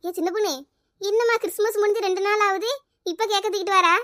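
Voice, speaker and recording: Gomathi, a shrill bright auntie. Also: female voice, fairly even intonation, fast talker. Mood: teasing. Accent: Kanyakumari Tamil. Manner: coaxing, fond, keeps calling her by pet name. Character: kindly neighbour woman Gomathi, elder-sister type. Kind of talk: cartoon comedy dialogue.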